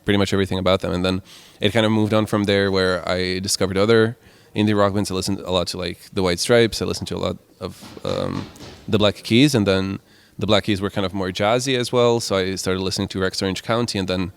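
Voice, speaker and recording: A young man in his twenties from Croatia, answering interview questions in a relaxed, rambling way. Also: low voice, quick pace, creaky, hardly any pauses, clear, resonant tone, dry recording. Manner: relaxed, rambling with many "like" and "kind of" fillers. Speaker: musician guest.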